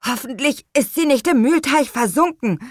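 An excitable young boy, voiced by a woman, pitched up and loud in a children's audiobook. He sounds eager and impatient, and his pitch swings widely. The sound is close and dry. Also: normal speed, no echo. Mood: excited. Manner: eager, exclaiming. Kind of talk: audiobook character voice.

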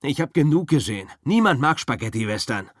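Reading an audiobook in studio quality with no echo, a man pitches his mid-range voice above his own, sounding animated and fairly bright at normal speed. He voices a bitter, hot-tempered male actor who rants angrily and curses about his failing career.

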